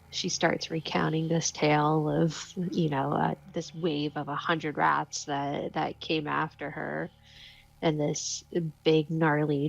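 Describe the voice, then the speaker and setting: Low gravelly woman at the game table. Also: lo-fi sound. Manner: rambling, fillers, chuckling. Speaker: player. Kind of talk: casual tabletop play, describing her character.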